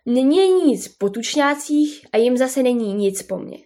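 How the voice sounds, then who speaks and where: A woman's voice: expressive, dark tone. A woman voicing a boisterous, scornful male bear in a storybook reading, scoffing and mocking. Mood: sneering. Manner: booming laughter, scoffing.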